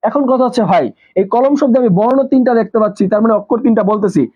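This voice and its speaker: Male tutor, high voice, repeats and quizzes, muffled lo-fi audio. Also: very fast, mellow. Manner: repetitive, asks questions and answers them himself. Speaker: teacher. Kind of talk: live online exam-prep class.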